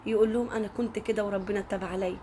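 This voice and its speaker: A woman's voice: medium pitch, steady tone, racing, mellow, slight background noise. A woman with an Egyptian accent telling a story in a casual, chatty way, often turning to speak directly to her listeners. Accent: Egyptian Arabic.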